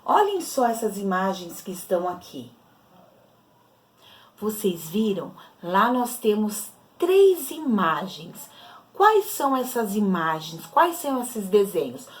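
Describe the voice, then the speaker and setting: A Brazilian woman teaches young children to read, sounding out syllables slowly and carefully. Her pitch rises and falls in a lively, sing-song way. She speaks in a patient, unhurried manner throughout. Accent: Brazilian Portuguese. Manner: slow, patient, explains syllables step by step to children. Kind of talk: children's literacy lesson.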